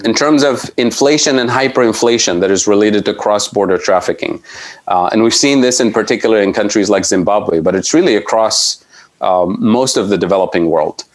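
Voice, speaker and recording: A man's voice: on the low side, brisk. A middle-aged man from Tunisia, an economics professor talking as a podcast guest, explaining policy thoughtfully with frequent restarts and fillers. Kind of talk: conversational podcast interview.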